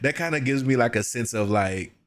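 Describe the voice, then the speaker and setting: Male reaction host, mid-pitched, slangy conversational commentary. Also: lively intonation, fairly quick.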